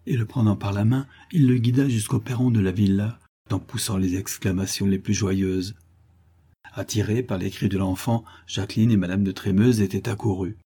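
Husky, dark-toned male narrator for a dramatic audiobook. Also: fairly low pitch. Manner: expressive, dramatic storytelling. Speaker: audiobook reader. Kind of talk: scripted narration of a classic novel.

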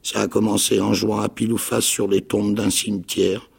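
An actor playing a ragged, half-mad old marooned pirate with a raspy, creaking voice, pleading and eager in a dramatic radio reading of a novel. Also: male voice, moderate pace, full character voice. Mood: eager rambling. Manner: high, pleading, eager voice with excited leaps.

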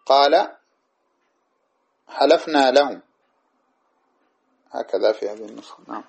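A man teaches a lesson on a classical grammar text, slowly reading the verses aloud and then explaining them in plain terms. He frequently checks that his listeners are keeping up. His voice is medium-pitched and husky, with some vocal fry.

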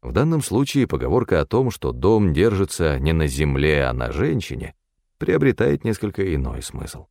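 A man narrating a first-person audiobook in a wry, expressive storytelling manner. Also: very deep voice, moderate pace, vocal fry, no echo, clean studio sound.

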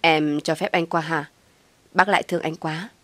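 A woman voicing a kind, shy young man who speaks gently to his girlfriend. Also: low voice, fairly even intonation, moderate pace, no echo. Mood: gentle.

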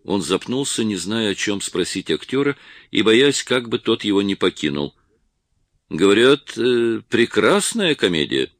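A man reading a historical novel aloud as an audiobook narrator, slow and measured. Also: on the low side, expressive, no echo, clean studio sound.

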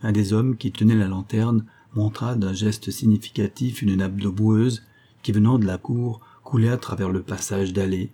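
A man reading a literary travel story as an audiobook narrator, in a measured storytelling manner. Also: on the low side, fairly even intonation, dark tone, husky.

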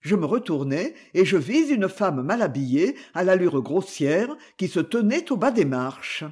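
Un homme qui lit un roman à voix haute, une narration écrite et expressive à la première personne. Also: male voice, high-pitched, unhurried, husky. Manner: expressive first-person reading. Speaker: audiobook reader. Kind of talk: scripted narration.

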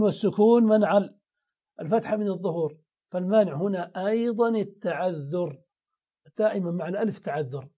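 A man's voice: high voice, warm tone, lo-fi sound. A man teaching grammar in a classroom lesson, explaining step by step and answering his own questions.

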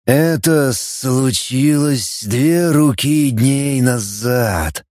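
A man's voice: medium pitch, darkish tone, no room sound, clean studio sound. A man voicing a grim alien warrior. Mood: mournful. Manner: slow, subdued telling of losses. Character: grim semi-humanoid alien warrior, male.

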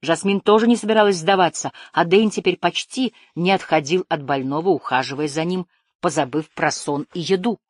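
Low-voiced woman narrating an audiobook. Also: brisk, no room sound, clean studio sound. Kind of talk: scripted narration.

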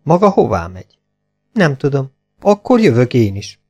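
A man's voice: mid-range voice, wildly swooping pitch, warm tone, muffled recording, soft background music. A man voicing a frightened young woman being chased at night, asking startled, breathless questions in a raised voice.

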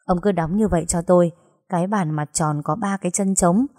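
A woman's voice: fairly low pitch, a little fast, warm tone, dry recording, clean studio sound, lightly acted. A woman doing a proud, curt young master. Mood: curt pride. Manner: curt, self-assured.

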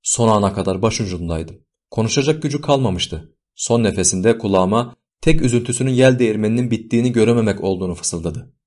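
A man's voice: on the low side, fast talker, a little mellow, natural voice. A man voicing a sly male propaganda pig who speaks with sanctimonious, wheedling sorrow in an audiobook. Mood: fake sorrow.

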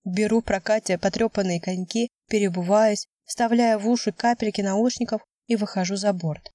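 Warm-voiced woman narrating a story. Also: medium pitch, fairly even intonation, moderate pace, dry recording, clean studio sound. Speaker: audiobook narrator. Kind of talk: first-person scripted narration.

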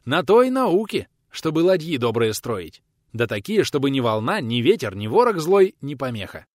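Male narrator as older retired teacher, patient and worn out, hoarse, dry close sound. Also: medium pitch, very animated, normal speed, dry recording, pitched above the performer's own voice, close to an everyday voice. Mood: explaining. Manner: hoarse, breathy, lecturing. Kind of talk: audiobook character voice.

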